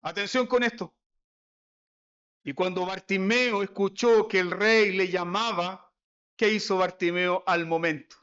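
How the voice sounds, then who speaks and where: High-voiced Chilean pastor preaching slowly. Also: male voice, steady tone, fairly bright tone, smooth, lo-fi sound. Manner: repetitive rhetorical questions to the congregation. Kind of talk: sermon.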